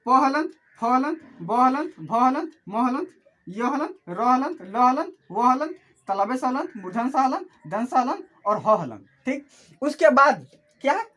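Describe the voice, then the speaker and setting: Woman teacher going over a lesson, asks then answers herself, pitch jumps around a lot, on the high side. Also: sing-song, a little slow, a bit bright, slightly rough. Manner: asks questions and answers them herself, repeating key terms. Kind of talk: online class lesson.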